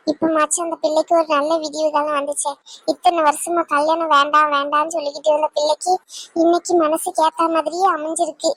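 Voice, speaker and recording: A fretful village mother from a cartoon, voiced by a woman in a very high, dry studio voice. She frets, laments and scolds her daughter, and her talk is full of emotion. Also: fairly bright tone, dry recording. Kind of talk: Tamil cartoon voice acting.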